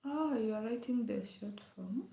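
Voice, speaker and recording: Soft-spoken young woman streaming live. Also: on the high side, normal speed, creaky, dull audio. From Kenya. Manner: chatty, often drops to a whisper, hums song lines. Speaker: livestreamer. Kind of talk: casual live-stream chat. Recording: echoey room.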